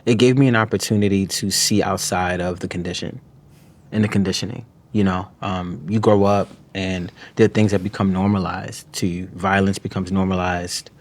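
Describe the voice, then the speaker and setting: Deep-voiced man, halting reflective talk. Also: steady tone. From New York, USA. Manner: halting, frequent restarts, peppered with "you know what I'm saying". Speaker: guest, author and poet.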